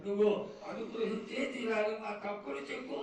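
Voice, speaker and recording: A man's voice: high voice, fairly even intonation, fairly quick. A man making a reverent ritual petition to an oracle, speaking in a pleading, deferential way. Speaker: devotee questioning the oracle. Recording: echoing, distant mic, faint ambient noise.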